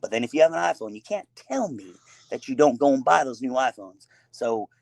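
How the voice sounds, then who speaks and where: A man's voice: medium pitch, expressive, fairly quick, creaky, a little mellow, no room sound. A man with a son, hosting a casual gaming talk show, talking in long, rambling, emphatic runs full of fillers and restarts. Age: adult with a son.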